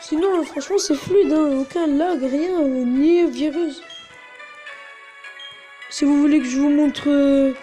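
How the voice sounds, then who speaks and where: A woman's voice: sits high, takes it slowly, long pauses, mellow, faint music behind. A woman narrating a casual step-by-step tutorial in a chatty way, with many fillers. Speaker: tutorial host.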